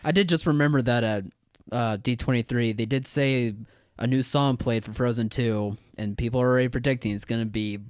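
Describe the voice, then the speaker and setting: A man co-hosting a podcast, easygoing and quick to laugh in casual chat. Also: mid-range voice, a little mellow, clear, resonant tone, no room sound. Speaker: podcast co-host.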